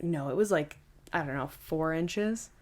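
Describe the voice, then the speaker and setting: A young woman co-hosting a podcast in casual chat, animated and giggly, often restarting her sentences. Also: sits low, a little slow, a crowd in the background. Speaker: podcast co-host.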